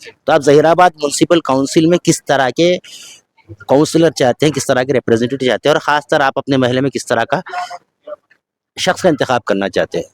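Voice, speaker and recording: A man's voice: medium pitch, fairly quick, no room sound. A man, a street reporter asking residents long, formal questions. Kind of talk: vox pop interview questions.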